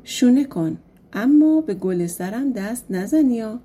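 An innocent young bride from a folk tale, trusting and mild. Her voice is mellow and breathy, a touch high, as a woman reader puts it on. She speaks simply and kindly. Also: lively intonation. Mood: gentle.

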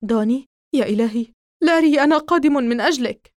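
A woman's voice: a little high, brisk, dry recording, clean studio sound, close to an everyday voice. A woman reading an audiobook voices a worried young man who talks urgently and tries to reassure.

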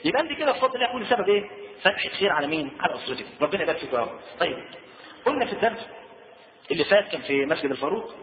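A man's voice: sits high, big pitch swings, very fast, a little hiss or hum. A man with an Egyptian accent giving a colloquial religious lesson, chatty and full of rhetorical questions. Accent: Egyptian Arabic. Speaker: preacher. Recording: tinny lo-fi roomy recording.

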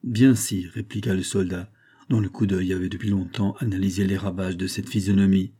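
A man narrating a classic novel as an audiobook in a measured, dramatic reading. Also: low voice, level tone, mellow, husky. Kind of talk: scripted narration.

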